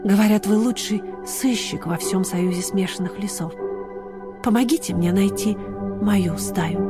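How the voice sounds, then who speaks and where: A woman voicing a small, brave young female dachshund who talks in a high, breathless, pleading way. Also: measured pace, over music, natural voice. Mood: quiet earnest.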